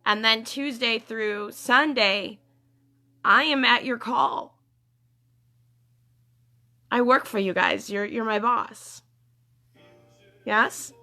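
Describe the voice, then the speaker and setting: A woman life coach chats casually with her followers on a livestream, earnest and repetitive, full of fillers and frequent "okay?" check-ins. Her voice is a little high, pushed and bright. It's picked up by a phone or webcam mic.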